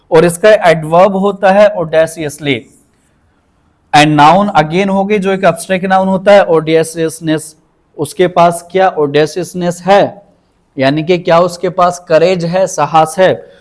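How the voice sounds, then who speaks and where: High-voiced man teaching vocabulary. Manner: explains patiently, repeats words slowly for pronunciation. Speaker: English teacher. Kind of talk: vocabulary lesson.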